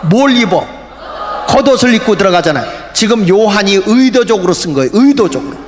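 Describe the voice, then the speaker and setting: Male pastor, fervent revival preacher with a raised, rough voice, recorded in a reverberant retreat hall. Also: high voice, expressive, brisk, slight background noise. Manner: fervent, shouting at peaks, jokey asides. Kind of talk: revival sermon. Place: large prayer retreat hall. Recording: echoey hall with faint ambience.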